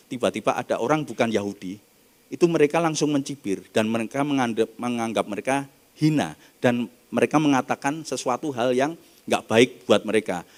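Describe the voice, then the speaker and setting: Indonesian pastor preaching with dramatic voices. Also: male voice. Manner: dramatic, acts out quoted voices with big swings in pitch and loudness. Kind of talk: sermon.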